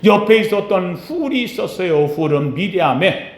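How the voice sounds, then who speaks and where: A male pastor preaching a sermon, swinging between loud exclamations and low murmurs and asking the congregation questions. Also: expressive, normal speed. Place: church sanctuary. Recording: echoey church sanctuary.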